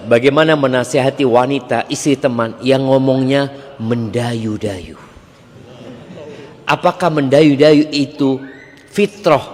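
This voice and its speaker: A man's voice: fairly high pitch, big-room sound. A male preacher giving a religious lecture and answering audience questions, in a conversational way with joking asides.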